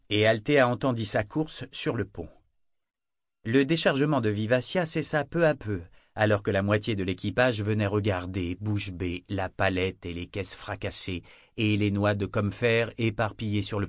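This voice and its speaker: A man reading a fantasy novel aloud as narrator, in an even, measured way. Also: fairly low pitch, no room sound, studio quality. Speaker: audiobook narrator.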